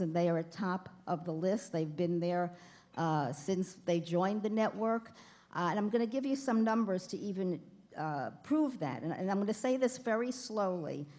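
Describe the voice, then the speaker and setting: A woman's voice: lowish voice, mellow. A woman in her fifties giving a chatty, self-deprecating speech at a gala, speaking to the crowd from a podium. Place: banquet hall.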